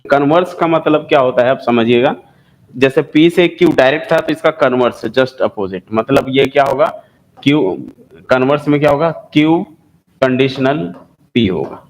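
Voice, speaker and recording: A man's voice: mid-range voice, normal speed, rough recording. A man with an Indian accent teaching a maths lesson, who repeats key terms and asks and answers his own questions. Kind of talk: classroom lecture.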